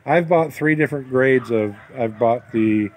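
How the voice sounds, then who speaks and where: Outdoors at a waterside building site, a middle-aged or older man, a vlogger and expatriate farmer, chats casually in a folksy, rambling way. His mid-range voice is unhurried and a little mellow. The outdoor recording is noisy with ambient background sound.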